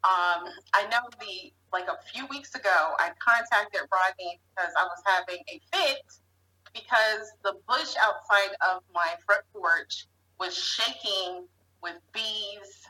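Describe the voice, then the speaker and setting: Bright, animated woman podcast host. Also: mid-range voice, a little slow, poor audio. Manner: animated storyteller. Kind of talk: casual chat.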